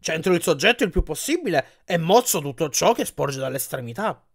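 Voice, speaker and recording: A man's voice: a little high, big pitch swings, a little fast, gravelly, voice pushed up, full character voice. A man doing a smarmy giant salesman. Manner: oily salesman patter.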